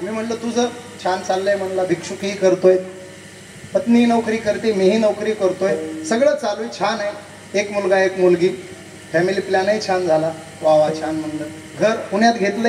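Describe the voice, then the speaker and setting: A man delivering a devotional kirtan sermon, his high voice sounding from a distance across a big hall with a long reverb tail. He tells a story and acts out each side of the dialogue as he talks to the crowd. A faint hum of the gathering sits behind him. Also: moderate pace, darkish tone. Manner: acts out both sides of a dialogue, addresses the crowd directly. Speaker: kirtan preacher.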